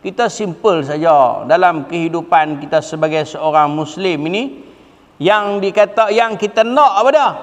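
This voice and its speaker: A man preaching a lively religious lesson, asking rhetorical questions and quoting Arabic scripture. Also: on the high side, normal speed, long reverb tail, lo-fi sound. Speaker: religious teacher. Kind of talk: sermon. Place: religious hall.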